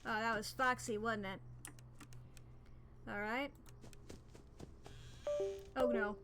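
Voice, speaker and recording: A woman's voice: fairly high pitch, fairly even intonation, slow, fairly bright tone, slight background noise. A woman doing live commentary on a horror game as a streamer, complaining and swearing freely as she plays. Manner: profane, complaining, ranting.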